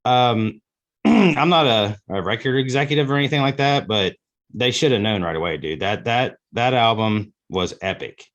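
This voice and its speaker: A man hosting a music interview, asking questions and sharing memories in a relaxed, conversational way. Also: medium pitch, normal speed. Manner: relaxed, conversational, says "you know" a lot. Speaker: interview host. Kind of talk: casual interview chat.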